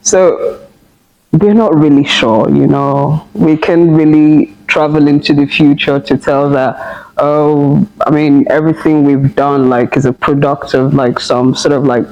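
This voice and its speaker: A young woman, a guest in a casual discussion, talking thoughtfully with pauses and fillers. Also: low-pitched, fairly even intonation, darkish tone, highs cut off. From Nigeria. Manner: thoughtful, hesitant, many fillers.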